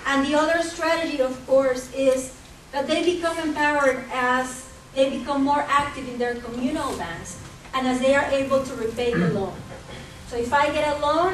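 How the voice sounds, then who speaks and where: A woman from gives an earnest, measured conference talk, pausing now and then with hesitations. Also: sits high. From Costa Rica. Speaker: conference presenter for a microfinance group. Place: conference hall. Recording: echoey hall, distant mic, faint hum.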